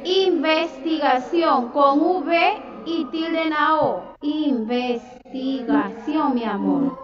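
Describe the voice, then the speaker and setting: A woman from Ecuador with a coastal accent teaches a third-grade class online in Spanish, dictating and affectionately calling her pupils "mi amor" and "mi vida." Her high voice swings widely in pitch and moves slowly. The computer mic on the video call gives echoey, distant, dull audio, with children's voices in the noisy background.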